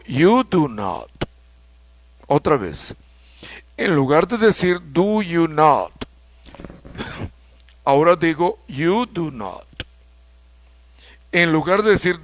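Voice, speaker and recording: A man from Mexico teaching an English grammar lesson, explaining slowly and repeating key points. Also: on the high side, dry recording.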